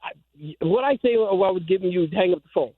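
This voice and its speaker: A man's voice: high voice, lively intonation, brisk, no room sound. A man calling a sports radio show from his car phone, insistent, with stumbling restarts. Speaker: caller. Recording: tinny car phone line.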